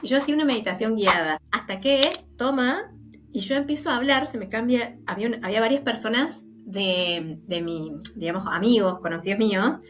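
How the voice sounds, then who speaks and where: A woman with an Argentine accent tells stories in a relaxed interview, with a voice that sits a little high. She talks animatedly, slips into the voices of the people she quotes, and laughs easily along the way. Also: fairly quick. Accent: Argentine Spanish. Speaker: guest medium. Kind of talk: casual interview storytelling.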